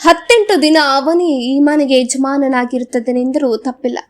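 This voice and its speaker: A woman narrating a novel as an audiobook in a measured, solemn reading. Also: sits high. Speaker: audiobook reader. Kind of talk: scripted narration.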